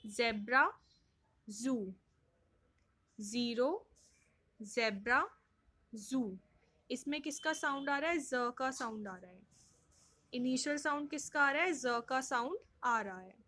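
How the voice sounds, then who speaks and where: Slow patient high-voiced woman teacher. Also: bright, forceful tone. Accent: Indian English. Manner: slow, patient, repeats questions and answers for young children. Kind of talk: online class lesson.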